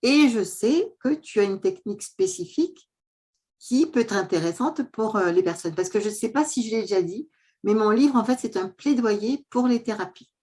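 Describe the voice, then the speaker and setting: A woman's voice: mid-range voice, animated, moderate pace, slightly rough. A woman coach hosting an interview over a video call, chatty and full of fillers. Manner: chatty, warm welcome, frequent fillers. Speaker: host and coach.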